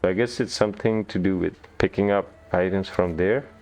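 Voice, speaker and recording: Low-voiced man narrating gameplay. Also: fairly quick, slight background noise. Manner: relaxed, thinking aloud, hesitant restarts. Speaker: gamer. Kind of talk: gameplay commentary.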